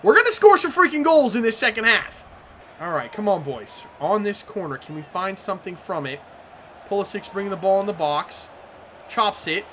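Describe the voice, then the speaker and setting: A woman commenting on her own video game match, excitable and swearing freely, shouting at big plays. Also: mid-range voice, normal speed, a little hiss or hum. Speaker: gaming commentator.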